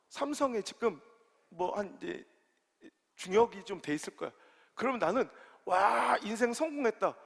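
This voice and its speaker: Middle-aged male pastor, high gravelly voice, loud excited outbursts then hushed asides, long church-hall reverb. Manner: swings from loud, excited exclamations to quiet, low confiding. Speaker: senior pastor. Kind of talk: animated storytelling sermon. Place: large church sanctuary.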